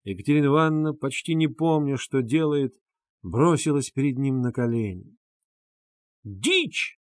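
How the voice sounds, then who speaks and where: A man reading a classic novel aloud in a measured, dramatic narration. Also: medium pitch, darkish tone, dry recording. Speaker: audiobook narrator. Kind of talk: scripted narration.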